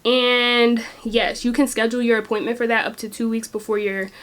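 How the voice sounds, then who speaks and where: A woman's voice: a little high, flat delivery, normal speed, fairly bright tone. A young woman vlogger talking through a step-by-step explainer in a chatty way, correcting herself and adding jokey asides. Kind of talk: casual explainer vlog.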